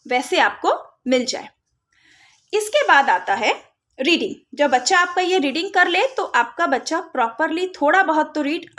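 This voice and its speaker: High-voiced woman teaching phonics sounds. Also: fairly bright tone. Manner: modelling letter sounds slowly and clearly; mixes Hindi with English terms. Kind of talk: instructional tutorial.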